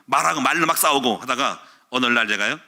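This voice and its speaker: A middle-aged male pastor preaching a sermon, telling stories animatedly and acting out the shouts he quotes. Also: mid-range voice, a little fast.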